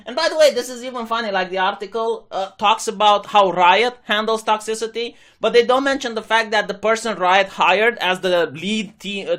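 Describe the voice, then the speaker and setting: A man's voice: high voice, pushed and bright. A young man from Romania, a channel host, giving sarcastic opinion commentary. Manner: sarcastic, mocking imitations of critics.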